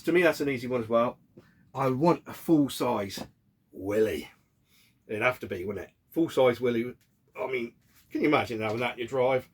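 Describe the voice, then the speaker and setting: A man's voice: medium pitch, breathy edge. A British man with a sore throat from a cold, chatting casually and hesitantly to camera as he answers viewers' questions in an informal, rambling way.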